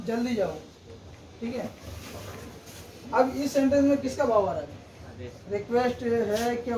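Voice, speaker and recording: The teacher is a man whose pitch is extremely high, with a slightly mellow quality. His grammar lesson unfolds step by step in a classroom manner, punctuated by a frequent "theek hai" after almost every point. It's recorded on a distant mic in an echoey, noisy room.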